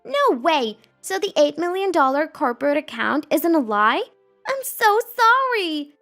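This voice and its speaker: Snooty young female bank clerk, shrill and sing-song, put on by a woman narrator; mocking, crude laughter. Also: big pitch swings, takes it slowly, a bit bright, soft background music, heavily acted. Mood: shocked. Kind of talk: storytelling narration with acted quotes.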